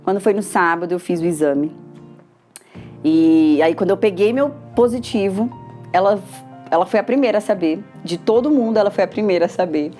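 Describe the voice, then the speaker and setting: A young woman with a Brazilian Portuguese accent shares her own story in a heartfelt, lively way and acts out bits of conversation as she goes. Her voice is mellow and warm, with faint music playing softly behind her. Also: medium pitch, brisk. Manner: emotional, lively retelling with quoted dialogue. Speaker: patient giving a testimonial. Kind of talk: personal testimonial storytelling.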